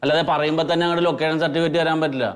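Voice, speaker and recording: An actor playing an impatient village office official who lectures a visitor and orders people out. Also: male voice, fairly high pitch, steady tone, rapid-fire, close to an everyday voice. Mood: lecturing. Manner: curt, lecturing, bossy.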